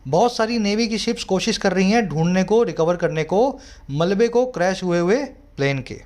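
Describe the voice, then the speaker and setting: A male English tutor with an Indian accent, his voice sitting high for a man. He goes through vocabulary one word at a time, slowing down to read out each example sentence. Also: lively intonation, darkish tone. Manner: explains each word slowly and reads example sentences in a measured way. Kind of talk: vocabulary lesson.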